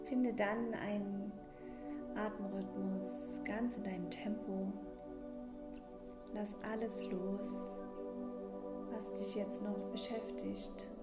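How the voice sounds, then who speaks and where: A woman guiding a meditation in a soft, breathy near-whisper, gently and soothingly, with long pauses. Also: mid-range voice, flat delivery. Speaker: meditation guide and podcast host. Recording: roomy echo, ambient music bed. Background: slow ambient new-age music.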